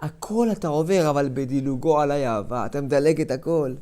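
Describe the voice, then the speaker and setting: A middle-aged man giving a sermon as a rabbi, dramatic, moving between hushed tones and loud outbursts and acting out inner voices. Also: a little high. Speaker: rabbi giving a weekly lesson.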